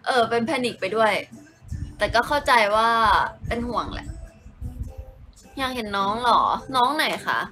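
A woman's voice: a little high, moderate pace, long pauses, bright, forceful tone, faint music behind. A young woman chatting casually on a home live stream, giggling often and answering viewers as she reads their comments.

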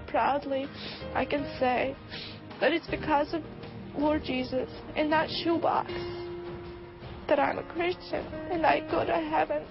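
A middle-aged woman tells her story in earnest, heartfelt words, her voice pitched a little high. The sound is dull and muffled, and music plays clearly underneath. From Bosnia. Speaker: testimony speaker. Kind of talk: personal testimony. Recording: muffled video clip with music behind.

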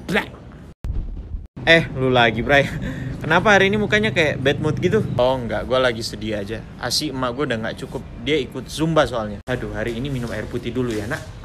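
A man's voice: mid-range voice, noisy background. A young man, acting out short comic sketches and voicing every character himself. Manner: switches between casual slang voices for each character. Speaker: comedy sketch creator.

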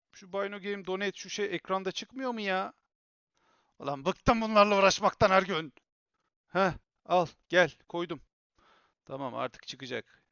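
A man with a high, gravelly voice talks to his live-stream viewers from a room at home, grumbling one moment and shouting excitedly the next. The sound is dull and lo-fi, close and dry. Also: no room sound. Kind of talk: casual live-stream chat.

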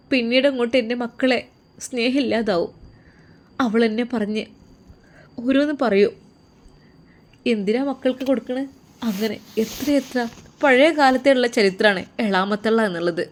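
Woman doing soft pleading dad voice, malabar lilt, fairly high. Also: lightly acted. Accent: Malabar Malayalam. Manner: hushed, tearful, pleading. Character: worried young widowed-like father, soft-spoken man. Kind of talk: storytelling role voice.

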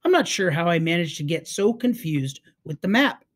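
A woman's voice: lowish voice, very animated, normal speed. A woman reading aloud, voicing a distracted, apologetic schoolboy who mutters. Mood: sheepish.

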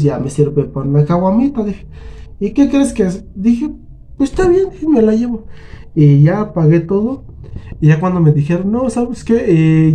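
A man's voice: high voice, dark tone. A man with a Mexican accent casually tells a story on his vlog, acting out both sides of an argument in colloquial, salty speech. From Huasteca region of Mexico. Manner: colloquial, swears freely. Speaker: channel host.

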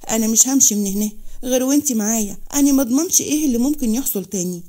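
Woman doing a firm, protective young man with an Egyptian accent; quick mellow storybook read. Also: on the high side, natural voice.

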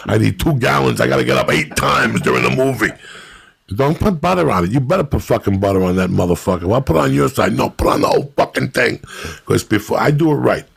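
A middle-aged man talking on a podcast in a deeply gravelly, husky voice. He tells loud, profane stories with lots of swearing and big swings in how he says things. It sounds like casual chat with friends. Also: fast. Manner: profane, animated storytelling. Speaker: podcast host.

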